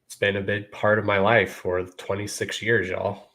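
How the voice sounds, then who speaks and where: A man in his thirties hosts his own podcast, his voice on the low side with a level, fairly bright tone at a moderate pace. He talks casually and laid-back to viewers, repeatedly dropping "you know" and "y'all."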